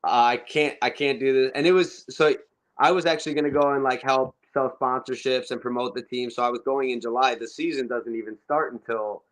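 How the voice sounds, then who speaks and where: A man's voice: medium pitch, brisk, a bit bright, poor audio. Laid-back young man telling soccer stories. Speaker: professional soccer forward, interview guest. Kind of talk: casual interview storytelling.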